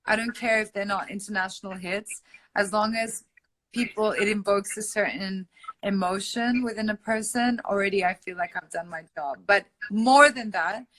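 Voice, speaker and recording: A woman's voice: mid-range voice, normal speed, fairly bright tone, rough recording. A woman from Iran, a singer, chatting as an interview guest over an online video call, effusive and affectionate, with lots of "like" and "um". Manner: effusive and affectionate, with many "like" and "um" fillers. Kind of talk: casual interview chat.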